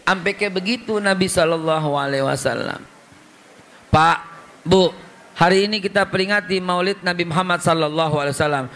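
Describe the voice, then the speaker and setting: A man preaching a humorous sermon at a religious gathering, telling stories lively and acting out parents and children in softer voices. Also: sits high, fairly quick. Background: audience.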